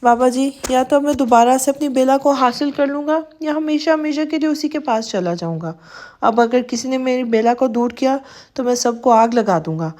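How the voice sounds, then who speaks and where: A man's voice: very high voice, a little mellow. A woman voicing an obsessed young man who threatens anyone who keeps his beloved away. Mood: fierce. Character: obsessed young man seeking a spell, fierce.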